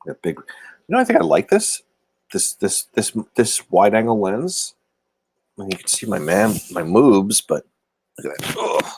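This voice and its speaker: A man's voice: fairly low pitch, animated, normal speed, darkish tone, husky. A man hosting a casual livestream, rambling and self-deprecating as he talks to viewers from a room. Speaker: livestream host. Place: indoor room. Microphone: phone or laptop camera mic.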